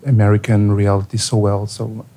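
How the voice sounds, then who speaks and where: A man's voice: on the low side, level tone, moderate pace, dark tone. A man with a Portuguese accent asking a filmmaker a polite question from the audience, hesitant with many fillers.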